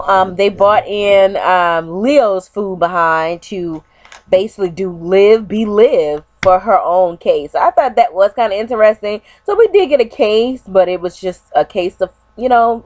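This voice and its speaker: A young woman chats through a TV episode review for her vlog, animated and talking straight to her viewers. Her voice sounds a little stuffy from a cold. The recording is dry and close, with no room echo. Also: medium pitch. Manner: animated, chatty, addresses viewers as "you guys". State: stuffy, unwell. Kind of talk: casual chatty review.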